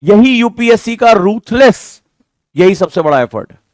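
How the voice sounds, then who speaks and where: A man lecturing a classroom of exam students, his voice pitched high for a man. He talks in an emphatic, rhetorical way, teasing and scolding his listeners as he drives each point home. The sound is dry and close. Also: lively intonation, unhurried, no room sound. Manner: emphatic, rhetorical, scolding-but-jokey teacher talk. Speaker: exam coaching teacher.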